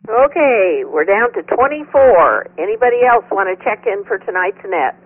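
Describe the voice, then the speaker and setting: A woman's voice: medium pitch, very animated, normal speed. A woman hosting an amateur radio net as net control, speaking procedurally over two-way radio. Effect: two-way radio transmission. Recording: tinny narrow-band radio, clear static noise.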